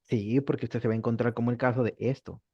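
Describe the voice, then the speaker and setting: A man teaching a beginner English class, explaining patiently and repeating examples slowly. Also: medium pitch, fairly even intonation. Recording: dull lo-fi sound.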